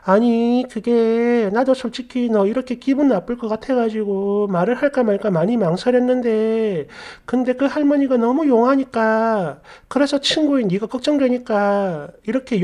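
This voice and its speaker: A woman's voice: a little high, warm tone, lightly acted. A woman voicing a young woman friend who talks hesitantly and apologizes over and over.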